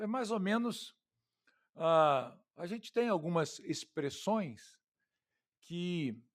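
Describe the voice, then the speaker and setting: A man preaches an expository sermon. His voice sits high for a man. He keeps a conversational tone and keeps putting rhetorical questions to the congregation. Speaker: pastor.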